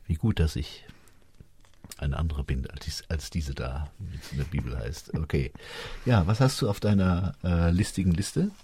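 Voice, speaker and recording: A man's voice: a bass voice, normal speed, warm tone, a little hiss or hum. A man co-hosting a podcast, musing casually and asking his co-hosts questions. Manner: musing, asks questions, loose asides. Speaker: podcast co-host. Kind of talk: casual chat.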